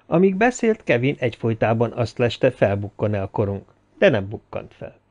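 A male audiobook narrator reading expressively, with a gravelly, creaky voice. The recording sounds dull and lo-fi. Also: medium pitch. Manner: expressive storytelling. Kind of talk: scripted narration.

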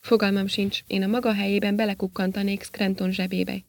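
A woman's voice: mid-range voice, flat delivery, vocal fry, no room sound, close to an everyday voice. A woman voicing a weary, sarcastic male astronaut in an audiobook, speaking in a dry, put-upon way. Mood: fed up. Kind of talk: audiobook character reading.

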